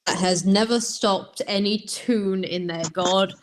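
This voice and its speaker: A woman's voice: medium pitch, fairly even intonation, slow, background noise. A woman chatting casually as a player in a tabletop roleplaying game.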